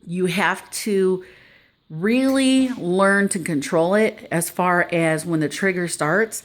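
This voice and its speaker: Earnest middle-aged woman, lowish voice. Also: slow. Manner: earnest, conversational, frequent "like". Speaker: vlogger sharing personal experience. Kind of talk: casual talk to camera.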